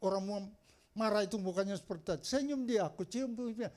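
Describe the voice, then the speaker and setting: A man with a notably high voice preaches in church in a loose storytelling way. He jokes through his anecdotes and laughs often, keeping the sermon chatty and warm-humored. It sounds like a pastor talking straight to his congregation. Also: quick pace.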